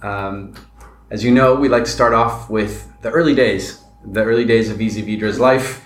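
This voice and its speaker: A man's voice: lowish voice, normal speed, reverberant, faint music behind. Latin American man hosting a podcast. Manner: long winding questions with many fillers. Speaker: podcast host. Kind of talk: interview podcast.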